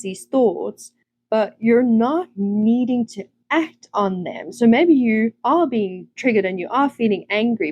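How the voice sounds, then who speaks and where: A woman hosting a self-development talk, explaining mindfulness ideas in a gentle, conversational way with fillers and restarts. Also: on the high side. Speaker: self-development podcast host. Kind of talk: reflective teaching monologue.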